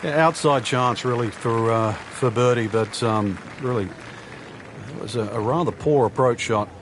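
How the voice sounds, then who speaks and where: Male golf commentator, measured and explanatory. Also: medium pitch. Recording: faint background noise.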